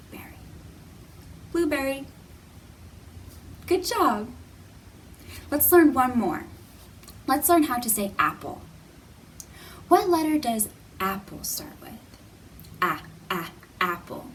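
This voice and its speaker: Her voice fairly high and a touch bright, a woman conducts children's storytime in a library, alternating instruction with a picture-book reading. Simple, repetitive, encouraging phrasing marks her talk, and the distant mic picks up a noisy room.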